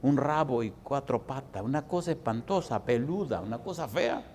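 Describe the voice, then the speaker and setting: A Dominican man in his sixties preaching a sermon, swinging from loud exhortation to hushed, folksy storytelling. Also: medium pitch, lively intonation, moderate pace, slight background noise. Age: 60s. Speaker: pastor.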